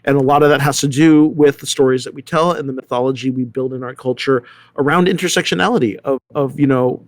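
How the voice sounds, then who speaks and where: Speaking as a discussion panelist, this man hesitates, says words over again, and keeps asking "right?" to seek agreement as he reasons aloud. His voice is mid-range and steady in tone, with no echo.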